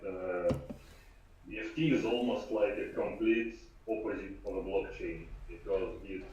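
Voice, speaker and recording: A man with a thick Russian accent explains technical matters informally, in halting, deliberate phrases. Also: low-pitched, a little mellow. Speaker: remote guest expert. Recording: echoey, distant, dull remote call audio.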